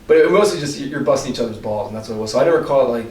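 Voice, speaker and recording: A man from Maryland co-hosting a podcast, talking casually in a measured, hedging way. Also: lively intonation, a little mellow. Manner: measured, hedging, restarts his points. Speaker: podcast co-host. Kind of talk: casual chat. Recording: roomy echo, far from the mic, faint rumble.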